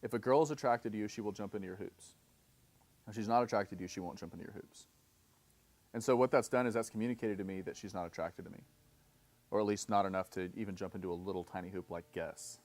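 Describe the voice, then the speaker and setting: Giving a live seminar lecture, this man in his thirties speaks on the low side. He explains one step at a time, checks in often with "okay?", and takes on both roles in example dialogues.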